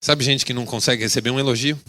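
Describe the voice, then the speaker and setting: A man's voice: medium pitch, very fast. A male pastor preaching a sermon, telling stories dramatically and acting out the people in them. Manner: animated, dramatic storytelling with acted quotes. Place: radio broadcast of a sermon.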